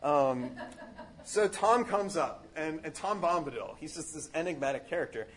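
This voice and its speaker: A man's voice: a little high, animated, a little fast, a bit bright, slight background noise. A man giving a casual, earnest spiritual reflection on a book, rambling with many fillers and restarts.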